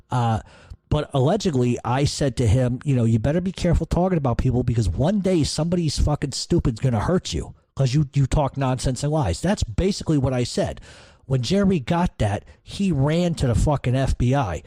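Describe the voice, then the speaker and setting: A man's voice: medium pitch, mellow, dry recording. A man telling a story in a blunt, profane, casual way, as a podcast host.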